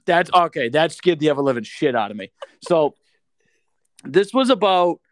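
A man's voice: a little high, sing-song, moderate pace, dry recording, clean studio sound. A man co-hosting a casual podcast, swearing freely and acting out quotes as he tells stories. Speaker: podcast co-host.

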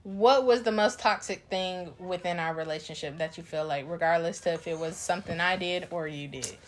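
A young woman co-hosting a podcast, telling stories in an unhurried way with laughs. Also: fairly low pitch, a little hiss or hum. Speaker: podcast co-host. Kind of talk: casual chat.

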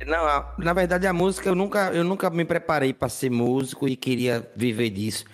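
A man's voice: a little high, fairly even intonation, fairly quick. A Brazilian man, a musician guest, telling stories casually in an interview in a plain-spoken, repetitive way.

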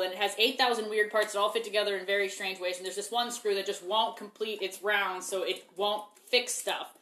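A young woman chats casually over beers in her living room. She rambles, laughs often and cuts herself off mid-sentence. Her voice sits at a middling pitch, and the room sounds echoey. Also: a bit bright. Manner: rambling, laughing, self-interrupting. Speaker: podcast co-host.

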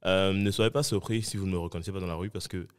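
A man's voice: low-pitched, steady tone, fast, clean tone. A young adult man, a podcast guest, telling a story in casual chat and acting out the voices of other people.

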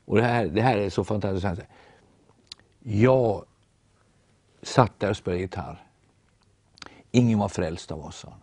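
Norwegian guy telling his faith story, low dark voice, acts out the quotes. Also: husky, no echo. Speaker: guest storyteller.

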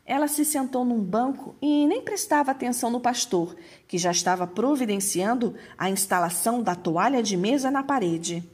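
A woman with a somewhat high, husky voice telling a story in a measured, expressive way. She now and then turns to the listener with a casual aside. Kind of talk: storytelling narration.

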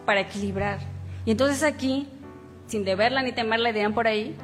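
A woman's voice: a little high, brisk. A woman preacher giving a conversational sermon, reading scripture aloud and asking rhetorical questions. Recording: reverberant hall with faint music. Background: faint instrumental music.

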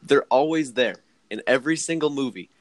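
A young man hosting a casual chat, enthusiastic and halting, often laughing. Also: medium pitch, no room sound.

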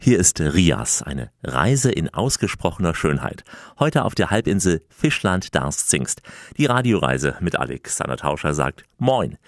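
A man with a very deep voice hosts a radio travel show. His scripted narration moves with a lively, swinging intonation. Soft music plays faintly under him. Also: a little slow, no room sound, clean studio sound.

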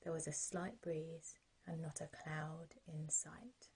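A British woman narrating a children's sleep story in a soft, breathy, husky voice, with gentle, calming, unhurried delivery. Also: low voice, poor audio.

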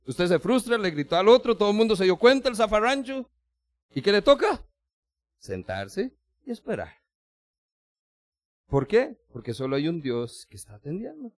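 A man preaching a sermon in a friendly, conversational tone, talking straight to his listeners and acting out little everyday scenes as he goes. His voice sits a little high for a man. The sound is dry and close, with no room echo. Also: sing-song, normal speed, long pauses. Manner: addresses listeners directly and formally.

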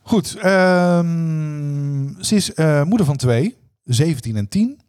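A man's voice: fairly high pitch, animated, slow pace, darkish tone, smooth. A man co-hosting a podcast, chatting casually in a dry, matter-of-fact, teasing way. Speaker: podcast co-host. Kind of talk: casual chat.

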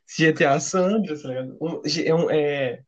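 A man's voice: a little high, moderate pace. A young man with a Brazilian Portuguese accent, chatting casually in heavy slang. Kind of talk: casual chat.

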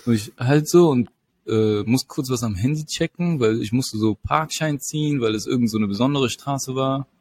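A young man casually telling a story in slangy talk, animated and laughing often. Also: medium pitch, moderate pace, slightly rough.

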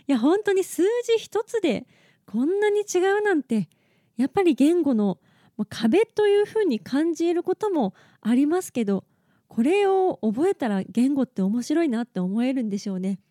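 Chatty woman podcaster, mellow and dry. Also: high voice, big pitch swings, normal speed, no room sound. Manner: chatty, explains step by step with light laughs. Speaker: podcast host. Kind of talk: casual solo podcast talk.

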